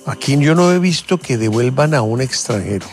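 A man's voice: mid-range voice, animated, normal speed, darkish tone. A man with a Colombian accent hosting radio panel banter in a bossy, blunt way, cutting in on others. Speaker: radio show host. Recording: music playing behind.

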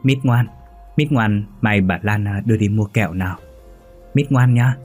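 A man voicing a gentle older woman softly lulling a child to sleep, in a horror story. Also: lowish voice, moderate pace, faint music behind, close to an everyday voice. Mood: soothing. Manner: soft, lulling.

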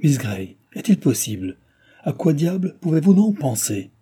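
Man shouting as a furious, thunderous gentleman. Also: mid-range voice, normal speed, slightly rough, close to an everyday voice. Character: angry middle-aged gentleman, the children's father.

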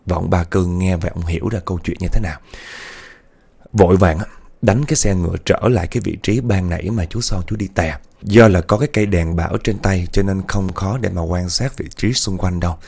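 Husky low-voiced guy narrating a ghost story, chatty, talks right to listeners. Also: brisk, a little mellow. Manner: chatty, addresses listeners directly, acts out scares.

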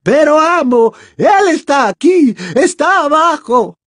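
A man voicing a fanatical female witch in an audiobook, shrill and screaming. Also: lively intonation, takes it slowly, fairly bright tone, no echo, studio quality, exaggerated voice. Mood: shrieking. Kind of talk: audiobook character voice.

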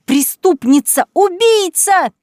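A woman's voice: lively intonation, slow, darkish tone, dry recording, clean studio sound, heavily acted. A woman reading an audiobook voices a furious young noblewoman who shrieks her accusations. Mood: shrieking. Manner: shrill, screaming.

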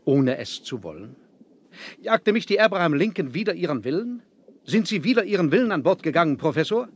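An actor playing a proud, defiant submarine captain in a 1970s adventure radio play, speaking in a measured, formal, commanding way. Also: male voice, fairly high pitch, sing-song, breathy edge. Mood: accusing, menacing. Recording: noisy 1970s vinyl audio drama.

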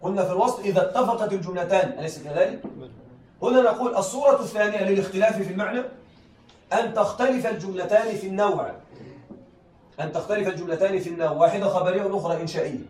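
A man's voice: high-pitched, very fast, a little mellow. A man teaching a classroom lesson, who keeps checking that his students follow and repeats key phrases. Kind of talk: classroom lesson on Arabic rhetoric. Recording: echoey room, heard from a distance, faint noise.

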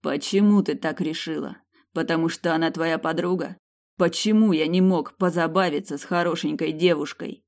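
A woman's voice: deep voice, fairly even intonation, moderate pace, a little mellow. A woman voicing a cold, menacing male mercenary in an audiobook, with clipped speech. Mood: mocking. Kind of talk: audiobook character reading.

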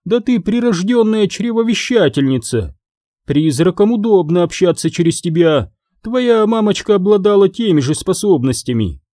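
A man's voice: high-pitched, expressive, moderate pace, dark tone, dry recording, clean studio sound, pitched above the performer's own voice. A man playing a fussy, fretful male ghost medium who talks theatrically.

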